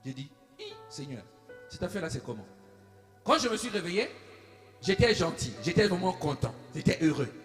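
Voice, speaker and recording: High-pitched, animated preacher man. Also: moderate pace. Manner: storytelling preacher, swinging from hushed asides to shouted declarations. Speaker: pastor. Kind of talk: sermon. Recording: echoey room with faint music.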